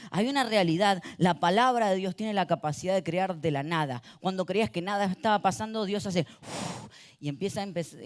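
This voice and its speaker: Man preaching a lively sermon. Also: high-pitched. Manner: animated, calls congregation to repeat words. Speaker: pastor. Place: church auditorium. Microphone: handheld or stage mic.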